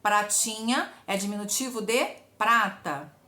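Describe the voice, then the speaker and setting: A woman's voice: medium pitch, measured pace, pushed and bright. A Brazilian woman teaching an exam-prep grammar lesson, explaining step by step and posing questions she answers herself. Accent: Brazilian Portuguese. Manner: didactic, asks and answers her own questions. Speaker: Portuguese teacher. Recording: echoey room.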